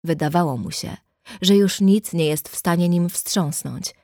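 A woman reading a novel aloud as narrator, calm and measured, voicing the characters' dialogue. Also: on the low side, no echo, studio quality. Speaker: audiobook narrator. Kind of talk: scripted narration.

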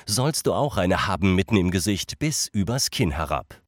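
A man voicing a spiteful old herb witch in a storybook reading, with a croaking, hoarse voice and sing-song muttered repetitions. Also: deep voice, sing-song, moderate pace, no echo, clean studio sound. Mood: mocking.

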